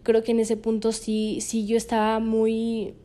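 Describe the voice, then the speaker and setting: Mexican girl podcasting, storytelling, soft warm voice, lots of fillers and giggles. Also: fairly high pitch, completely flat delivery, a little slow. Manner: chatty, laughs often, many fillers. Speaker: podcast host. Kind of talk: casual storytelling chat.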